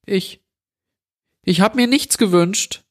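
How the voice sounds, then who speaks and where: A man voicing a scared young boy with a trembling voice. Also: takes it slowly. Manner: trembling, high. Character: frightened little boy.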